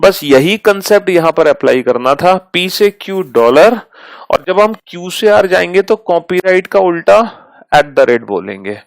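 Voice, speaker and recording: A man's voice: sits high, sing-song, vocal fry, no echo, rough recording. A male teacher giving a math lesson, patiently repeating each step and affectionately addressing his students. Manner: reads out terms slowly and deliberately.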